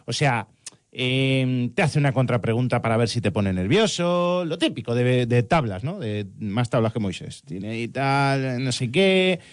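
A man's voice: mid-range voice, measured pace, no room sound. Teasing man on studio radio. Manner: teasing, animated storytelling. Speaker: regular contributor. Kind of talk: casual radio talk.

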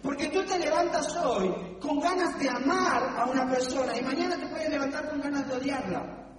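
A male pastor delivers an animated sermon, slipping into the voices of the people he quotes. His voice sits high and carries a long, booming reverb, picked up from well back in the room over a faint hum. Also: moderate pace. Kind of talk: sermon with humor. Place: church hall. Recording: echoey hall from far off.

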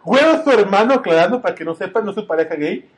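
A man with a notably high voice co-hosts a comedy podcast. He interrupts his partner with dry, sarcastic jabs and mock clarifications. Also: lively intonation, very fast, heavy background noise. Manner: teasing, interrupting with sarcastic asides. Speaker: podcast co-host. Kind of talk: joking podcast banter.

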